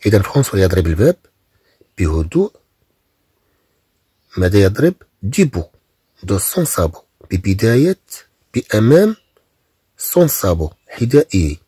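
A man from Morocco, teaching French, reading phrases very slowly and then explaining them quickly. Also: on the low side, sing-song, dark tone, slightly rough, dry recording, studio quality.

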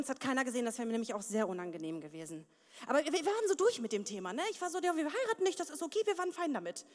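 Young woman comic, high-pitched and brash, crude stand-up in a reverberant hall. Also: a little mellow. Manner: brash, crude punchlines, acts out voices. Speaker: stand-up comedian. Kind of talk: stand-up comedy set. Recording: long reverb of a studio hall.

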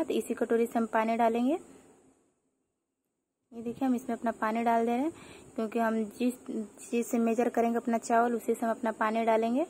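A woman's voice: medium pitch, mellow, slight background noise. A woman hosting her home cooking channel, explaining each step in a chatty, repetitive way while she cooks in her kitchen, filmed on a phone. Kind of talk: casual cooking tutorial.

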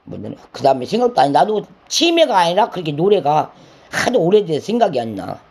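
An older man rambles through a scolding monologue aimed at a listener, his voice high, lively and a little quick. He lectures and nags with tag questions and coarse language, now and then breaking into sung lines or acted-out quotes.

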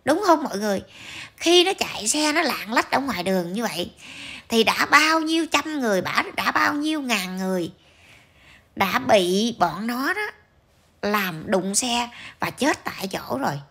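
A woman's voice: a little high, lively intonation, moderate pace, gravelly, a bit bright, slightly rough. A woman ranting to her viewers in a scolding, emphatic way, full of rhetorical questions. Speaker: vlogger commentator.

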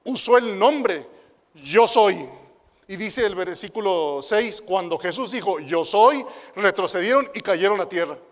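A man with a Mexican accent preaching a sermon to young people. He asks rhetorical questions and swings between hushed asides and loud, emphatic declarations. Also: sits high, expressive, moderate pace, few pauses, long reverb tail. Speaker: pastor and youth director.

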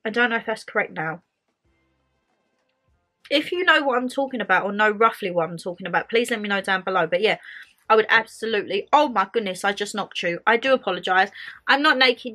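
Speaking to camera from her bedroom, a young woman from England uses a fairly high, pushed and bright voice. The vlogger is bubbly and gestures while chatting casually, despite still getting over a cold.

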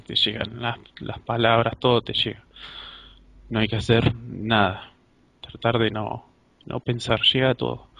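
A man's voice: fairly low pitch, gravelly, sharp tone. A man, a hypnosis client describing his experience hesitantly, repeating words. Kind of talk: halting personal account.

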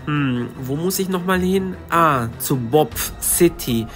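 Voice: mid-range voice, lively intonation, slow, fairly bright tone, soft background music, pitched below the performer's own voice. A performer voicing an anxious young girl detective with asthma, talking breathlessly and stammering in a hurry. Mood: hurried. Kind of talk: storybook narration in first person.

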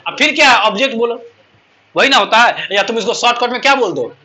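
A male English teacher with a high, bright voice runs a classroom lesson, constantly asking students questions as he explains each point. His intonation is lively and he talks fast. The recording is rough.

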